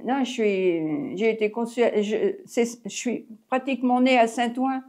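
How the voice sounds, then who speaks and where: A fairly high, darkish voice moves at a measured pace as an eighty-something French woman, formerly a taxi driver, tells her story. It's an oral history interview, chatty and rambling, with frequent restarts.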